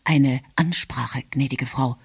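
A man doing a hushed, deferential old butler. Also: fairly high pitch, measured pace, breathy edge. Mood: discreet. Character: discreet old male butler, hushed and polite.

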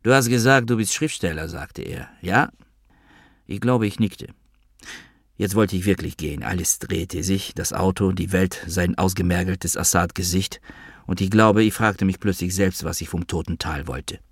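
A man reading a literary novel in the first person, measured and calm. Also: deep voice, husky, no echo, clean studio sound. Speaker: audiobook narrator.

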